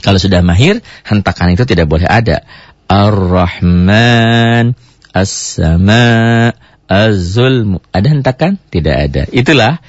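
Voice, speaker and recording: A man teaches Quran recitation on the radio with a lowish, slightly husky voice. His delivery is animated, full of rhetorical questions and sudden high emphasis. The broadcast sound is dull and dry. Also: fast talker, no echo. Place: radio studio.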